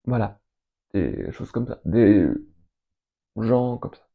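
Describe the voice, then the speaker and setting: A young man chatting casually as host, answering questions in an enthusiastic, rambling way and listing names between pauses. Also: on the low side, vocal fry, phone-quality sound. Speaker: fan video host answering viewer questions. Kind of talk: casual chat.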